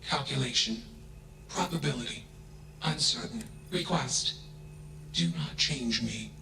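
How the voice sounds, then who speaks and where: A man voicing an emotionless artificial mind in a video game, speaking in flat, clipped statements that each open with a one-word label. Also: mid-range voice, a little slow, gravelly. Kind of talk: video game character dialogue. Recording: game audio with steady hum behind.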